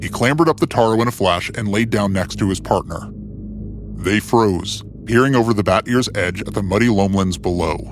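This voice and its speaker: A man's low-leaning voice moves at a fairly quick clip as he narrates a scripted adventure story with theatrical suspense. Music runs under the narration of this fiction-series storyteller.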